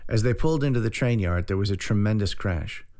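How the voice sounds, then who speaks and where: A man narrating a story in an even, unhurried way. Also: fairly low pitch. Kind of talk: audiobook narration.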